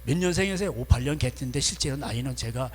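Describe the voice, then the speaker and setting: A man's voice: medium pitch, animated, fast, big-room sound, a little hiss or hum. A male pastor preaching a conversational sermon. He asks rhetorical questions and answers his own points with short affirming asides. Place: church sanctuary.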